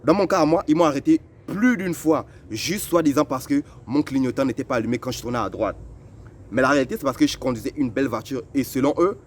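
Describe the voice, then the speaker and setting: Fast-talking animated young man. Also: mid-range voice, slight background noise. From Africa. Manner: animated, conversational, addresses the listener directly. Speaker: vlogger. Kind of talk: personal storytelling.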